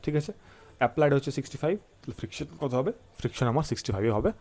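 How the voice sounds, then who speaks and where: A man with a Bengali accent delivers a classroom-style physics lecture in a slightly high, darkish voice, racing along. Mixing Bengali with English, he poses questions and answers them himself, repeats key points, and keeps checking in with listeners.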